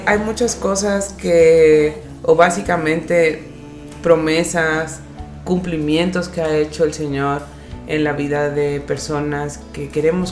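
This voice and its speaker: A woman hosting an interview, asking questions and affirming her guest. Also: deep voice. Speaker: podcast host. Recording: roomy echo with background music.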